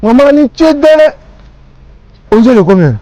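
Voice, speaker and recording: A man with an Ivorian accent talks in a high voice, coaxing and repetitive, tagging his sentences with questions. He is recorded on a phone outdoors on a street at night. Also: sing-song, moderate pace, mellow, highs cut off. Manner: coaxing, repetitive, full of "hein". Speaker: man filming a street act of charity.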